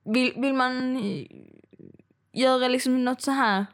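A woman with a Scanian accent in a relaxed, casual chat among friends. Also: high-pitched.

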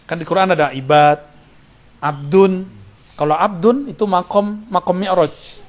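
A man's voice: high-pitched, a little slow, dull audio. A man teaching an informal Islamic study session, talking conversationally and mixing Arabic phrases into casual asides. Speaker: religious teacher.

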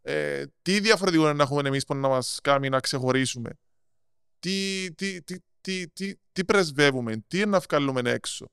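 A man with a Cypriot Greek accent explaining things in casual interview talk, halting and repeating words as he goes. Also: on the high side, creaky, fairly bright tone, clear, resonant tone, no echo, studio quality. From Cyprus. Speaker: podcast guest, marketing strategist.

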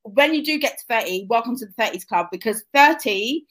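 A woman's voice: on the high side, animated, fairly quick, a bit bright. A woman in her thirties with a London accent, hosting a casual interview and chatting in an encouraging, friendly way. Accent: London English. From England. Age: 30s. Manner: chatty, encouraging, calls guest hun. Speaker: host.

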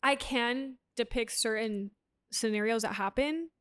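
Young woman, high-pitched, podcast co-host, casual chat, giggly storytelling. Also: measured pace, a bit bright, smooth.

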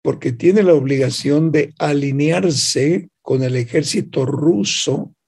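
Male radio host, slightly high voice, gravelly and husky, retells a story and asks the listener questions. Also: slow, darkish tone. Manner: retells a news story acting out both sides of the dialogue. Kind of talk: reflective radio talk with a moral lesson.

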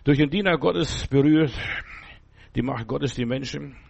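Gravelly middle-aged man preaching. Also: medium pitch, unhurried, darkish tone, lo-fi sound. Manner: earnest, repeats phrases with many tag questions. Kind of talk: sermon.

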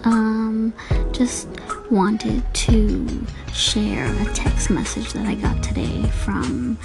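A woman speaking in a reflective, casual monologue, halting and searching for her words as she hosts a personal vlog. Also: on the high side, expressive, vocal fry, over music. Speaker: host of a personal audio vlog.

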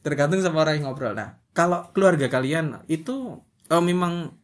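A man's voice: fairly high pitch, animated, moderate pace. A man from Solo hosting a casual podcast chat, asking questions and backing the others up with short murmurs. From Solo, Central Java. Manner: asks questions, frequent short backchannels. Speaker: podcast host.

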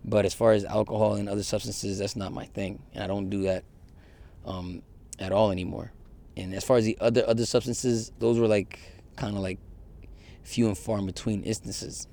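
Low gravelly man talking candidly. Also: flat delivery, moderate pace, warm tone. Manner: rambling, heavy use of fillers and profanity. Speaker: vlogger. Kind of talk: candid confessional monologue.

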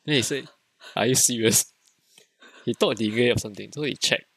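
A man's voice: mid-range voice, fast talker, vocal fry, fairly bright tone, slightly rough. A Singaporean man chatting casually, telling an anecdote in colloquial style with rhetorical questions and quoted dialogue.

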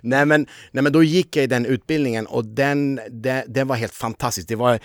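Male actor guest, mid-pitched, dry close mic, rambling storyteller. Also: dry recording. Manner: animated storyteller full of fillers. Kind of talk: casual storytelling interview.

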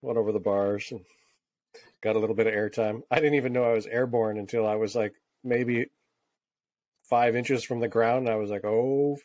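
A man's voice: fairly low pitch, fairly even intonation, brisk, darkish tone, no room sound. A man co-hosting a casual podcast chat, laid-back and laughing often, swearing freely. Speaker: podcast co-host, tattoo artist.

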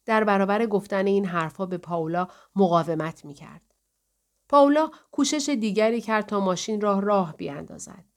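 A woman narrating a novel aloud in a steady, measured delivery. Her pitch is mid-range. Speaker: audiobook narrator. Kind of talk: scripted narration.

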